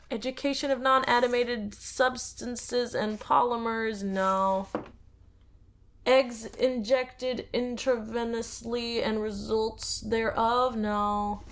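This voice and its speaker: In an audio drama, a woman voices a bored young male alien office clerk who whines about and mocks his useless job. Her mid-range voice is bright and forceful, and she sounds sarcastic, whiny and restless.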